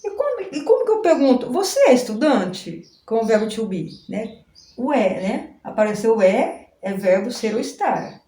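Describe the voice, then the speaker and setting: A woman from Brazil teaching an informal English lesson. She explains slowly, repeats herself and often adds little checks like "right?" and "look". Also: on the high side, mellow. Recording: echoey room with faint noise.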